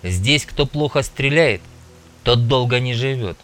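A man's voice: medium pitch, animated, unhurried, fairly bright tone. A man voicing a wary male stalker who banters sardonically, in an audiobook reading. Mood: curt.

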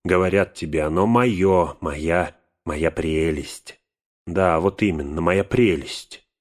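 A man putting on a shrill, possessive old hobbit. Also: slow pace. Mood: angry, possessive. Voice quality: shrill, cracking voice when angry. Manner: outbursts turning possessive and obsessive. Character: old male hobbit, fussy, possessive, touchy.

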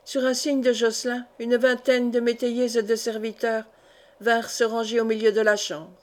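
A woman reading an audiobook of a historical novel in an even, measured way. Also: a little high. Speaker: audiobook reader.

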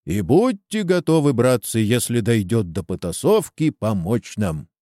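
A man's voice: mid-range voice, big pitch swings, unhurried, dark tone, no room sound, studio quality. A man voicing a persuasive male village headman in a storybook reading, talking heatedly. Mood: urging. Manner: coaxing, heated.

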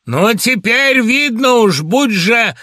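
A man reading aloud and voicing a defiant young merchant's wife, shrill and mocking. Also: expressive, slow, sharp tone, no room sound, clean studio sound, exaggerated voice. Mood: mocking triumphant.

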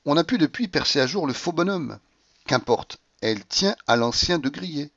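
A man's voice: a little high, lively intonation, a bit bright, no echo, dull audio. Man reading a classic novel aloud. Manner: measured, with brooding first-person monologue. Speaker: audiobook reader. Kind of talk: audiobook narration of a classic novel.

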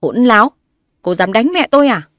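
A woman's voice: on the low side, animated, normal speed, dry recording, natural voice. A woman voicing a violent young husband who barks angry threats, in a dry recording. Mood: furious. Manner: barking, threatening.

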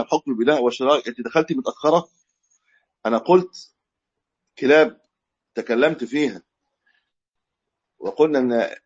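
A man's voice: mid-range voice, husky. A man with an Egyptian accent giving a live class lecture, explaining in a conversational way, answering questions and correcting himself as he goes. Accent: Egyptian Arabic. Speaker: religious teacher. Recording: dull lo-fi recording.

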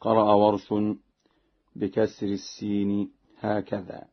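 A man teaching Quran recitation variants in a measured, formal way, breaking into melodic chanting for each example, on a dull lo-fi radio broadcast. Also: on the low side, completely flat delivery.

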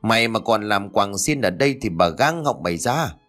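A man's voice: on the low side, lively intonation, moderate pace, fairly bright tone, faint music behind. A man voicing a raging rich old mother. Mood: enraged. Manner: scolding, harsh insults. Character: furious wealthy old mother, domineering.

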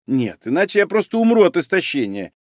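Guy voicing a whiny grumpy forensic guy in an audiobook, pitched up a bit, lots of pitch swing, dry sound. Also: big pitch swings, brisk, no echo. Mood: whiny grumbling. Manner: whining, grumbling. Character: whiny cold-suffering male forensic expert.

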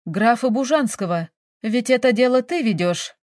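A woman voicing a brisk, dryly teasing young woman, a detective, in an audiobook. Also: fairly high pitch, animated, a little mellow, no room sound, clean studio sound, close to an everyday voice. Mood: firm, teasing.

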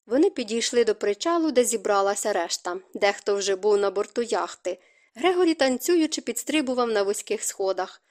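A woman narrating an audiobook with even, expressive storytelling. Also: medium pitch, normal speed. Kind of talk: scripted narration.

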